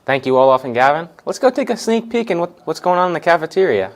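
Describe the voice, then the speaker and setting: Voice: mid-range voice, sing-song, fast talker. A teenage student anchor presenting links on a school news show. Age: teens. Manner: upbeat scripted links.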